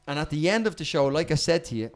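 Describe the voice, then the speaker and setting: A Dublin Irish man, a podcast guest, telling animated stories in casual chat, repeating words and swearing freely. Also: a little high, quick pace. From Dublin, Ireland.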